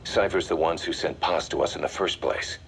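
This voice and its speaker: Grave, extremely deep-voiced military strategist. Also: male voice, a bit bright, slight background noise. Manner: grave, commanding, deliberate briefing delivery. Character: grave, measured male military intelligence strategist. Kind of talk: video game voice acting, mission briefing dialogue.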